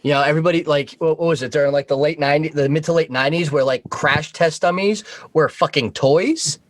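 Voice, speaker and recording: Here a man with a fairly high voice talks fast, recorded in studio quality with no room sound. As a talk show guest from the Coast Guard, he's casual, blunt, and a bit profane in his explanations.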